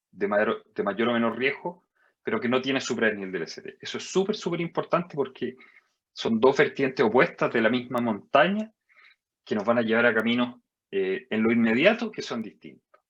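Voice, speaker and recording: A man giving a medical lecture as a physician, measured and explanatory, jumping higher in pitch to stress key points. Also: fairly bright tone, highs cut off. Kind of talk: medical lecture over slides.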